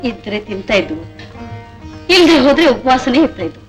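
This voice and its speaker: This is a weary elder sister in an old devotional film. She complains about her hardship in a high voice. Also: big pitch swings, brisk, faint music behind. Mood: complaining. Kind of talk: 1970s Indian film drama.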